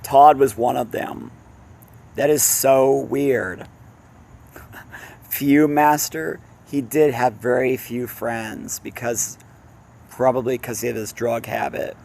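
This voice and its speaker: A man's voice: medium pitch, steady tone, takes it slowly, gravelly, darkish tone. A man casually reading a fantasy novel aloud, stumbling over words and breaking off into rambling asides with laughs. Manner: breaks off with laughs and personal tangents; stumbles and self-corrects while reading.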